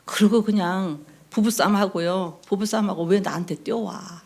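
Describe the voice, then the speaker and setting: A woman's voice: medium pitch, normal speed, a little mellow. A woman pastor preaching a sermon in a conversational, storytelling way. She acts out quoted dialogue and keeps asking the congregation for responses.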